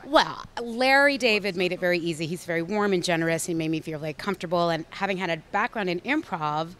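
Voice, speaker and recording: A woman speaking quickly in a fairly low, fairly bright voice is an actress guest in a casual interview chat. She is bubbly and effusive and often restarts her sentences to correct herself.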